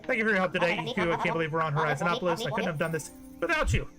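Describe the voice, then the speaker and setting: A man's voice: a little high, lively intonation, racing, over loud music, close to an everyday voice. A man voicing a cheerful female settler leader from a farming game, reading her dialogue aloud in a chatty, folksy, encouraging way. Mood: upbeat.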